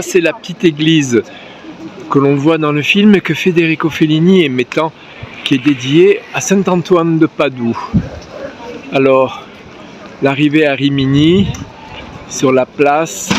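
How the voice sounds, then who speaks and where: A man acting as interviewer and guide, asking questions and commenting on location outdoors. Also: mid-range voice. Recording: faint background noise on location.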